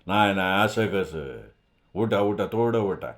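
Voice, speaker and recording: A man doing a slow, low-voiced old village grandfather. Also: expressive. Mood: hospitable. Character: poor old village grandfather, hospitable, unhurried.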